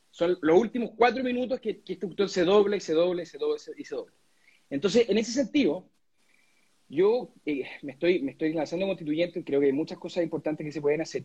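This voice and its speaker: A young Chilean man with a high, slightly husky voice answers interview questions in earnest, often stumbling and repeating words as he builds his point. The recording sounds dull and lo-fi. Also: darkish tone. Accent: Chilean Spanish. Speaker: lawyer and constituent assembly candidate being interviewed.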